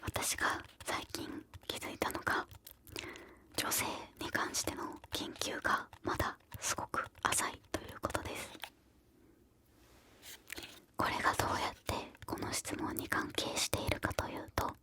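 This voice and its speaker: A woman whispering softly and breathily close to the ear, gently answering questions in an encouraging ASMR style. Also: normal speed. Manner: whispers throughout, soft and breathy; encouraging, gentle advice-giving.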